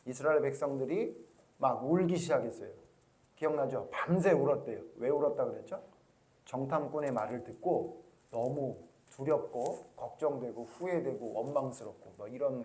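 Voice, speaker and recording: A middle-aged male pastor with a husky, medium-pitched, darkish voice gives a children's sermon. He asks the kids questions and acts out the voices of the people in the story.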